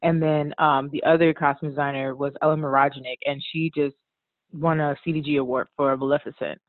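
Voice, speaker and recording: A woman's voice: deep voice, brisk, no room sound. Chatty woman on a tinny line. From Washington DC area, USA. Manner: relaxed, chatty, frequent "like" and "um", laughs often. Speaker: guest, costume designer. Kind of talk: casual conversational interview. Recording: tinny phone-like line, dry.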